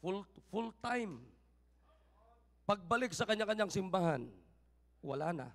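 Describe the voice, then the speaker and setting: A male pastor's sermon with a very high, gravelly voice, delivered slowly and deliberately. He moves between Tagalog and English scripture quotes and climbs to loud shouts. The long church reverb carries every word. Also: expressive. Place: church sanctuary.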